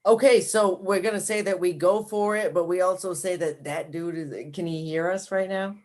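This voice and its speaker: A woman's voice: fairly low pitch, fairly even intonation, normal speed, a little mellow. A woman playing a tabletop game, playful and giggly, firing off questions. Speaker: player. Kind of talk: casual tabletop play.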